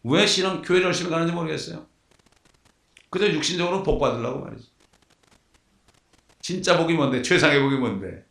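A man's voice: fairly high pitch, brisk, vocal fry, pauses often, fairly bright tone. A man preaching a sermon in an emphatic style, often asking the congregation rhetorical questions. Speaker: pastor. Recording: echoey, from far off the mic.

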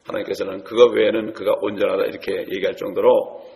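Gravelly-voiced preacher in an echoing hall. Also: male voice, fairly low pitch, flat delivery, quick pace, a little mellow. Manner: storytelling, addresses congregation directly. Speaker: pastor. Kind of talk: sermon.

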